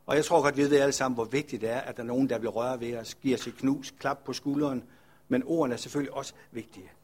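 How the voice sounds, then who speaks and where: A man's voice: medium pitch, fairly even intonation, a little mellow. A man preaching a sermon as a pastor, speaking in an earnest, reflective way and putting questions to his listeners.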